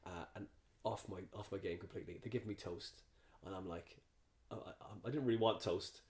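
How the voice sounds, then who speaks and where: Man, comedian guest, fairly low voice, rambling storyteller, casual podcast chat. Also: fairly quick, darkish tone. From Ireland. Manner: rambling, storytelling with many restarts.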